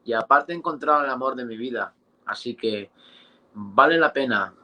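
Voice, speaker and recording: A man in his thirties speaks in a bright, forceful voice as he gives a casual motivational testimonial. His delivery is eager but halting, full of fillers and restarted phrases. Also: medium pitch, animated, poor audio. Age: 30s.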